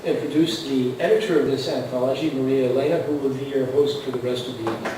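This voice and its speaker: A man at a literary event, introducing the host and making announcements in a halting way. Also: medium pitch, fairly even intonation. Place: literary arts center event hall. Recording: roomy, distant, noisy hall recording.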